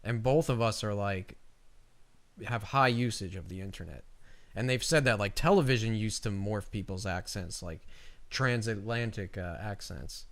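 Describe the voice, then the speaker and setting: A man's voice: lowish voice, moderate pace. A man co-hosting a podcast in a casual, profane and talkative way. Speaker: podcast co-host. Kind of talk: casual chat.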